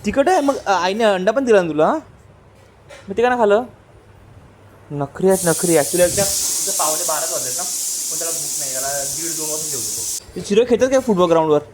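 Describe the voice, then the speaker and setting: A young man in a casual family vlog, teasing his child playfully and dropping to quiet asides for the camera. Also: sits high, expressive, a little fast, noisy background. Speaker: vlogger.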